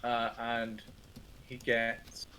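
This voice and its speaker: A man improvising narration as a tabletop game master, halting and informal, with the odd mild swear. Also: mid-range voice, completely flat delivery, bright, forceful tone, a little hiss or hum.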